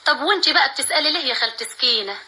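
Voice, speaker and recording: A woman's voice: high-pitched, expressive, rapid-fire, pushed and bright, full character voice. An actress playing a cheeky, outspoken young woman with an Egyptian accent. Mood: teasing. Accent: Egyptian Arabic.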